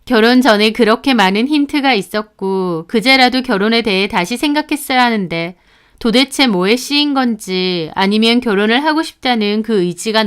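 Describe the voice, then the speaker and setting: A woman's voice: a little high, a bit bright, clear, resonant tone. A young woman narrating a personal story in a confiding, conversational way.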